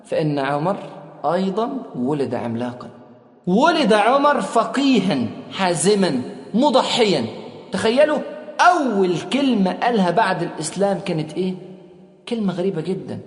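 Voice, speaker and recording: Dramatic Egyptian preacher in echoey hall. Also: male voice, high-pitched. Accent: Egyptian Arabic. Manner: dramatic, acts out quoted speech with sudden rises and drops. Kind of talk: Islamic sermon storytelling.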